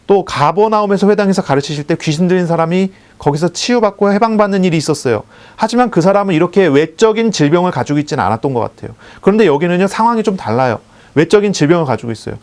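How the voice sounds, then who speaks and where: A man preaching a sermon as a pastor, measured and explanatory, repeating key phrases for emphasis and asking questions he answers himself. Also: high-pitched, a little mellow. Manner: asks the congregation questions and answers them himself.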